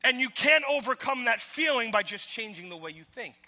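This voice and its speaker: A man preaching in a church sanctuary, his high voice ringing with a long reverb across the hall. He is emphatic and repetitive, and he keeps putting rhetorical questions to the congregation. His tone is very bright and sharp. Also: expressive, brisk. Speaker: pastor. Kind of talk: sermon.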